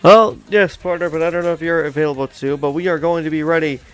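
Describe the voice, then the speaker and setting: Over faint background music, a man hosts and commentates a live online wrestling show, hyping upcoming events in an announcer tone, addressing the folks watching, and chatting with his co-host. His voice is a little high, fast, with fairly even intonation.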